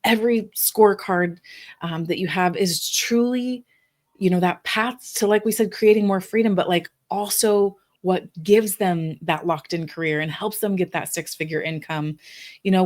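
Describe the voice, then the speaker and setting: Lowish woman's voice, podcast cohost, loose chatty talk full of "you know". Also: darkish tone. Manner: conversational, many "you know" fillers. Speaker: podcast co-host. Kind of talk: casual business podcast chat.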